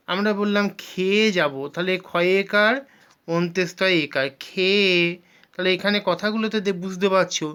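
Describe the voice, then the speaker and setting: A man's voice: sits high, clear, resonant tone. A male teacher explains grammar step by step in a patient classroom manner. He stretches out vowel sounds as he demonstrates them. He slips English words into his explanations and speaks of himself as "sir". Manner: mixes English words into speech. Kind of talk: Bengali grammar lesson.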